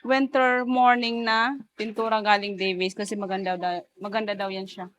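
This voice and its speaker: A woman's voice: mid-range voice, flat delivery, moderate pace, a bit bright, slight background noise. A woman, chatting casually in a home vlog, mixing in English phrases with giggly asides. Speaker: vlogger.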